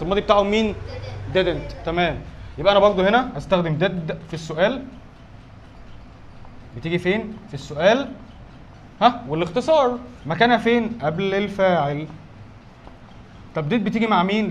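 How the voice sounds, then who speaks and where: A man with an Egyptian Arabic accent runs an exam review like a quick drill, firing questions at his students and answering them himself. His voice sits high and the words tumble out fast. A faint hum lingers under him. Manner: quizzes himself aloud, keeps checking with "alright?". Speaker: English teacher.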